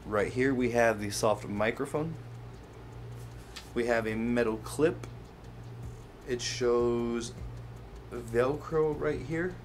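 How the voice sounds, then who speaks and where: Speaking slowly and pausing often, a medium-pitched man narrates a casual how-to product video, explaining steps as he handles the item. Slight background noise is present.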